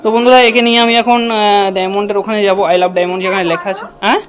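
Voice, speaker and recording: A man's voice: high-pitched, flat delivery, fast, a bit bright, faint music behind. Man vlogging with a heavy head cold. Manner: coaxing and playful with a child, addresses viewers as friends. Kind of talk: casual vlog chat.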